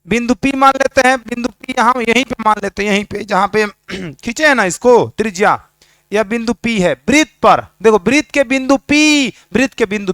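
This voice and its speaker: Male maths tutor, high crisp voice, dry close sound, keeps quizzing the class. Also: fairly bright tone, dry recording. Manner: teasing, questions students constantly. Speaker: maths teacher. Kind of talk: classroom lecture at a board.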